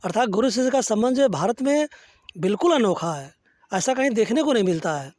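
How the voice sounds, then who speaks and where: A man's voice: high-pitched, very animated, a little fast, a little mellow, no echo. A man speaking as a guest in an earnest, didactic and reverent way, reciting verse and telling anecdotes as he explains. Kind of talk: reflective discourse with verse quotations and anecdotes.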